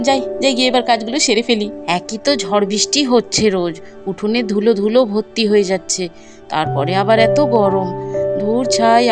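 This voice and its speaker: A woman narrating a doll story and voicing every character in turn, in a lively way. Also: mid-range voice. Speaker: narrator voicing all dolls. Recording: background music under the voice.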